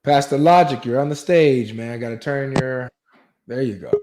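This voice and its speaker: A man's voice: medium pitch, normal speed, a little mellow. Man hosting a playful live debate. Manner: playful, teasing, announcer-like hype. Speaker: livestream debate host. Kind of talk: casual live debate chat.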